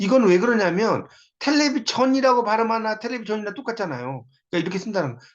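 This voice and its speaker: Man lecturing on a dull lo-fi recording. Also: on the high side. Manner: conversational, repeats words to drill them.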